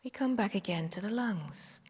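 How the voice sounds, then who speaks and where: A woman leading a guided meditation and qigong session, speaking slowly and soothingly and drifting into soft whispers. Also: mid-range voice, expressive, slightly rough. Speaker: qigong instructor. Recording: long hall reverb.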